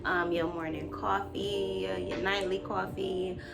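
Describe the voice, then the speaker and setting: A woman's voice: medium pitch, level tone, unhurried, gravelly. A woman in her twenties talking casually and confessionally to her viewers, informal and slangy, hesitating as she looks for words. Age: 20s. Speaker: vlog host. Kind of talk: casual confessional chat to camera. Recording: loud music behind the voice.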